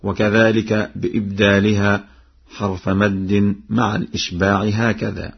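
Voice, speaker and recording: A man from Egypt giving a radio lesson on Quran readings, explaining slowly and carefully and chanting each example melodically. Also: fairly low pitch, level tone, vocal fry, husky, faint music behind. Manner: slow, measured explaining, then melodic chanting. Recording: dull lo-fi archival radio recording.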